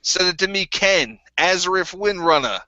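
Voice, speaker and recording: A man's voice: sits high, expressive, moderate pace, pushed and bright, no room sound, full character voice. A man playing a bitter, crude ex-member of a group, with a put-on New Zealand accent and a rambling, stammering way of talking. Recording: dull lo-fi recording.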